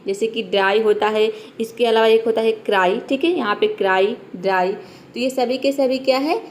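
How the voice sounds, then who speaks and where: A young woman with a Hindi accent teaches English in Hindi in a classroom-style explanation, her voice fairly high and her pace moderate. She explains patiently, keeps saying "ठीक है," and often checks in by asking questions she then answers herself. Slight background noise can be heard.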